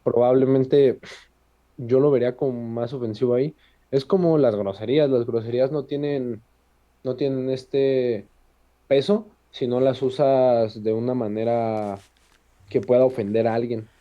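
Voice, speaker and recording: A Mexican man hosting a podcast, explaining in a relaxed, casual way. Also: mid-range voice, a little slow, dull audio. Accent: Mexican Spanish. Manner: relaxed, explanatory, uses fillers. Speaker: podcast host.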